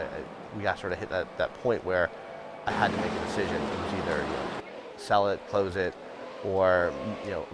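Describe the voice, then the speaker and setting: Heavy background noise surrounds this low-voiced middle-aged man, who owns a ghost tour company and leads its tours. In an unscripted interview, he discusses his guiding work in a plain, conversational way.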